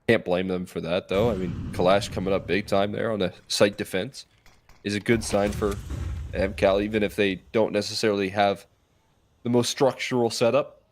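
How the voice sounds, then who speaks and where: A man giving live esports commentary and analysis as a co-caster, with animated, dramatic phrasing. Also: fairly low pitch, moderate pace, a little hiss or hum.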